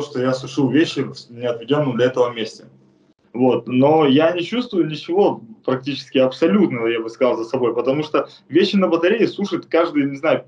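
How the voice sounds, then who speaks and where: In a bare indoor room, a man in his thirties faces a close camera and recounts his own case in a mid-range voice. He speaks plainly and earnestly, hesitating often, as first-person testimony. The audio is poor, with a roomy sound.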